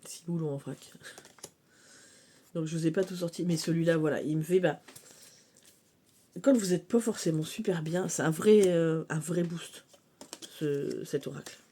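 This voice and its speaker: A woman chatting casually about her oracle cards, full of fillers and quick to laugh. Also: deep voice, dark tone, breathy edge. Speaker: cartomancy vlogger. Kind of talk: casual show-and-tell of oracle decks.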